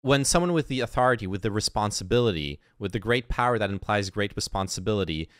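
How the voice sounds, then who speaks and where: A man delivering reaction commentary, sarcastic and exasperated, with frequent swearing. His voice is smooth and resonant. The sound is dry and close. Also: fairly low pitch, lively intonation, fast, no room sound. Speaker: commentary streamer reacting to a podcast clip.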